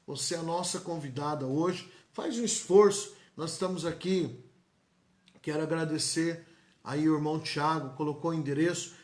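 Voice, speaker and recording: A pastor from São Paulo, Brazil, with a slightly high male voice, delivers live-streamed church announcements and blessings. He is emphatic and repetitive, tossing folksy asides to viewers. The church room is echoey.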